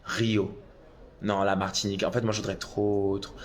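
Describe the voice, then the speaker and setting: A man doing a drag live stream on his phone, reading out viewer comments and answering them in a chatty, excitable way, with sudden loud outbursts. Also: lowish voice, normal speed, a little hiss or hum.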